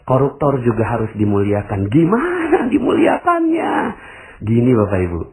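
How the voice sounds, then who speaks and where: A man delivers a motivational religious talk to his audience. His pitch swings widely as he preaches, and he slips into other people's voices to act out what they say. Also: moderate pace, a little hiss or hum, rough recording. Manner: animated, acts out quoted voices, addresses audience directly. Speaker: Islamic preacher.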